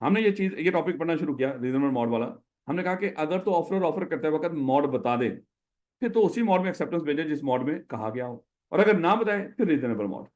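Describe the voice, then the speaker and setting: A man's voice: a little high, expressive, a little fast, darkish tone. A man with a Pakistani Urdu accent lecturing a class on contract law, repeating rules and quizzing his students, whom he calls his children, mixing in English legal terms. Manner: repeats key points, quizzes students with questions. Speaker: accountancy lecturer.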